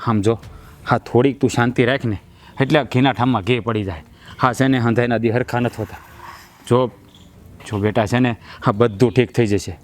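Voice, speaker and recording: A man's voice: mid-range voice, fairly even intonation, moderate pace, close to an everyday voice. An actor playing a poor young husband who keeps soothing and pleading with his wife. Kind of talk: village family drama.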